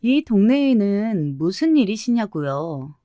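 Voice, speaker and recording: A woman voicing a snobbish sister-in-law near forty who talks down to others in a slow, mocking drawl. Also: medium pitch, lively intonation, a little mellow, dry recording, clean studio sound, close to an everyday voice. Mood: sneering. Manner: mocking, condescending, drawn-out.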